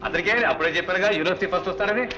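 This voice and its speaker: An actor playing a gentle middle-aged father who is a lawyer and speaks softly to his daughter, over film music. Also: high voice, fairly even intonation, very fast, low-quality recording. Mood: regretful. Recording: film soundtrack with violin music.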